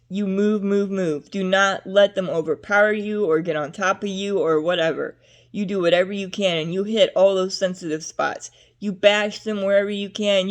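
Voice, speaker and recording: Rambling young woman vlogging. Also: on the low side. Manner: rambling, chatty, drifts between topics with frequent fillers. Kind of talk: casual talk to camera.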